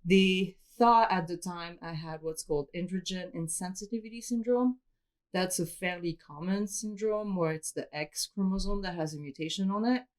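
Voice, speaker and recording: A woman's voice: fairly low pitch, normal speed. A woman from Switzerland, a guest in an interview, explaining her story in an open, matter-of-fact way. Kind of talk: candid personal interview.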